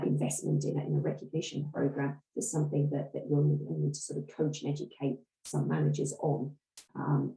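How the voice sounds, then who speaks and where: A woman with a croaky, hoarse voice giving an informal advice presentation as an HR consultant. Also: deep voice, mellow, echoey room, distant mic, low-quality recording. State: hoarse, struggling voice.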